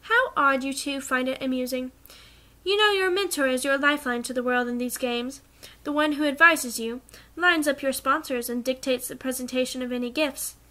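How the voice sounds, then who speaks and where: A woman's voice: sits high, normal speed, sharp tone. A woman reading aloud voices a fussy, prim chaperone who scolds in a clipped, disapproving way.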